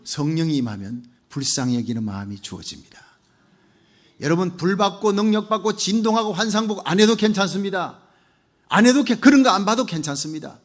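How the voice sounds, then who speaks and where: A male pastor delivers a Sunday sermon with fervent conviction, building rhythmic lists of repeated phrases. His voice sits high and moves expressively, swooping from loud proclamations down to quiet, low-spoken asides. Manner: fervent preaching, swinging from loud declarations to hushed low asides.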